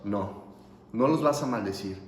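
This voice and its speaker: A man voicing a stern divine figure, speaking curtly and firmly in a deeper tone. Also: unhurried, lightly acted. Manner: curt, firm. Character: stern commanding divine male voice. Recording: echoey hall, faint noise.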